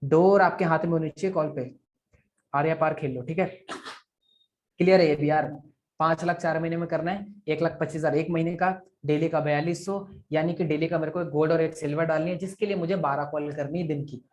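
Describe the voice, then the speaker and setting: A man's voice: a little high, steady tone, a little fast. Man coaching sales over a video call. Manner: coaching, repeats figures aloud, asks "ठीक है?". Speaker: affiliate marketing sales trainer. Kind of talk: live online training session.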